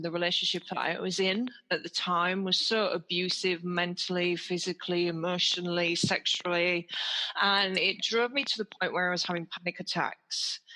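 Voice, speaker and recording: A woman's voice: fairly low pitch, bright, forceful tone, poor audio. A woman with a British accent, guest hosting a talk radio show and earnestly telling her personal story. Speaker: guest host.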